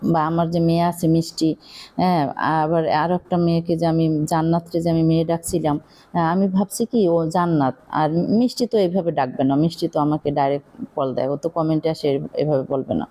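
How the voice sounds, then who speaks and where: A woman's voice: low-pitched, fairly even intonation, normal speed, mellow. A middle-aged woman with a Barishal accent who chats casually while cooking, rambling and confiding, with many fillers. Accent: Barishal Bengali. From Bangladesh. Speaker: cooking vlogger.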